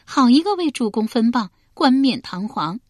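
A woman's voice: on the high side, big pitch swings, measured pace, a little mellow, no room sound, clean studio sound, voice pushed up. Woman putting on a coy, teasing young concubine. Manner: coquettish, teasing.

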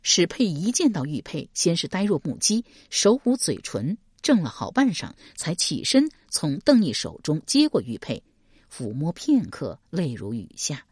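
A woman narrating a historical mystery novel with expressive storytelling. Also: deep voice, a little slow, breathy edge, dry recording, studio quality. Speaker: audiobook narrator. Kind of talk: scripted narration.

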